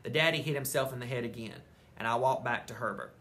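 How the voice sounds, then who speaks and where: A teacher reading a children's chapter book aloud at an elementary school, expressive and animated. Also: medium pitch, fast talker.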